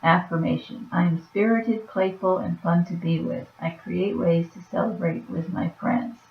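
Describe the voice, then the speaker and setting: A woman's voice: on the low side, steady tone, moderate pace. A woman with a weak, fading voice reading oracle cards aloud and adding offhand comments. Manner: soft-spoken, reads then comments offhand. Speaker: oracle card reader. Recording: roomy, dull lo-fi sound.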